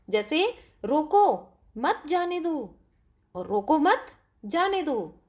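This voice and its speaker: Woman teacher w/ a high voice going over grammar, asks the kids questions as she goes. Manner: explains step by step with questions to pupils. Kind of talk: classroom grammar lesson.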